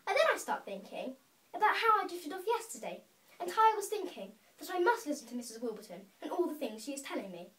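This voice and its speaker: In this rough, distant recording, a woman voices a chatty schoolgirl for a theatrical children's monologue, her high voice sing-song, a bit bright and swooping. She earnestly presses her grievances with drawn-out, dramatic words, in an exasperated, musing mood.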